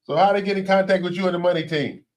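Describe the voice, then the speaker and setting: A man's voice: sits high, very fast. A man hosting a casual real estate show, asking about price and incentives in an easygoing, joking way. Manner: easygoing, asks questions, jokes. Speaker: show host. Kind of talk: casual interview.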